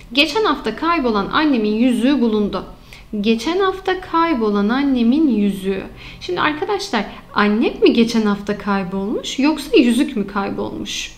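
A woman teacher explaining sentence errors to students, asking them questions and then answering them herself, and slowing down to stress key terms. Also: sits high. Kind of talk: online grammar lesson.

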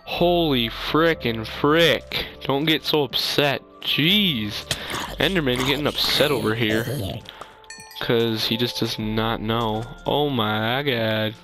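A man narrating his own video game session with unhurried, drawn-out delivery. He reacts excitably to the action, tossing out jokes and exclamations, while faint game music plays softly behind him. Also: mid-range voice. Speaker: gaming commentator. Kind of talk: let's play commentary.

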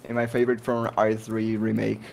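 A man's voice: fairly low pitch, monotone, a little fast, gravelly, darkish tone, slight background noise. A man from Brazil, chatting casually while streaming a game, laughing often and quoting game villains. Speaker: gaming streamer. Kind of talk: casual gameplay chat with character impressions.

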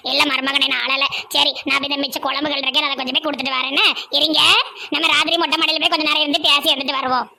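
A woman's voice: sits high, level tone, bright, forceful tone, full character voice. A woman voicing a chatty, generous middle-aged village aunt with a Tirunelveli Tamil accent. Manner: gossipy, fast chatter.

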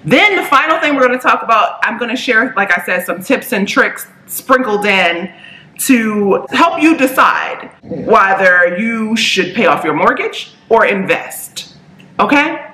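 Upbeat finance vlogger, woman, bright voice, slangy and chatty, roomy echo. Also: mid-range voice, animated, unhurried. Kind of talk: casual chat to camera.

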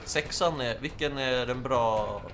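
A young man giving casual, excitable commentary while playing a video game, yelping and shouting during fights. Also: mid-range voice, slight background noise. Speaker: gaming YouTuber. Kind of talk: casual Let's Play commentary.

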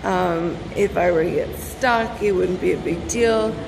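In a large hotel pool hall full of echo, a woman in her thirties vlogs casually to a handheld phone kept at arm's length. Her voice is fairly low, creaky and unhurried, competing with loud ambient noise, music and pool sounds.

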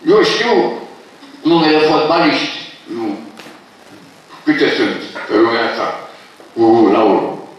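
A man's voice: mid-range voice, expressive, pauses often, dull audio. An older man giving a lecture at a book launch. He corrects word usage in a pedantic way and bursts out with emphatic objections. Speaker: professor presenting his books. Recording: very echoey hall, speaker far from mic.

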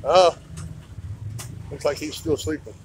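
This man from Idaho, US, has a fairly high voice and talks slowly as he films a town roadside walk on a handheld phone. His commentary is laid-back and chatty, the recording is low-quality, and passing vehicles, street ambience and clear traffic noise are audible outdoors.

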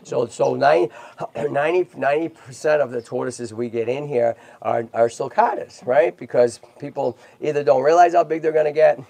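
A man's voice: medium pitch, moderate pace, creaky, warm tone. A man hosting a tortoise rescue livestream in casual chat, talking in a chatty way and checking in often with "right?" and "okay?".

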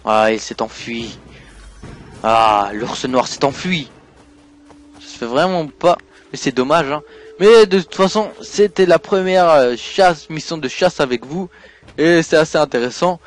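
A man giving let's play commentary while playing a game, excitable, swinging from mumbled asides to loud outbursts. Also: fairly high pitch, unhurried. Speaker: gaming YouTuber.

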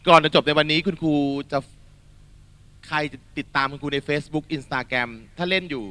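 A man teaching a lively exam-prep lesson to a hall of students, quizzing them and calling them "child" in a coaxing, energetic manner. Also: on the high side, moderate pace, clean tone. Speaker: Thai tutor.

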